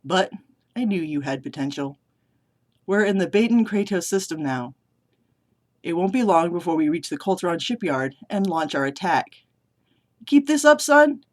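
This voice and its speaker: A vlogger reads a story scene aloud in a mid-range, sing-song voice close to their everyday one, at a moderate pace with frequent pauses. Playing a smug, manipulative older male military commander, they raise their voice to sound louder and more forceful than usual, smug and commanding.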